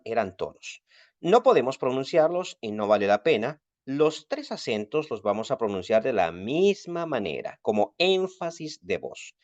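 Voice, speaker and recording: A male teacher explains a language lesson step by step, his pitch rising and falling a lot as he stresses key words. The sound is dry and a little dull. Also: dry recording. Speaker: Biblical Greek teacher. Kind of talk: recorded lesson. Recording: dry, slightly dull recording.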